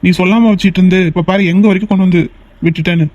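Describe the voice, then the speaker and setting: A man's voice: high-pitched, steady tone, very fast, darkish tone, natural voice. A man voicing a caring young man in a cartoon, reassuring a friend and urgently asking for help. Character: caring young man, older brother figure. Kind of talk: cartoon voice acting. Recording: dull lo-fi recording.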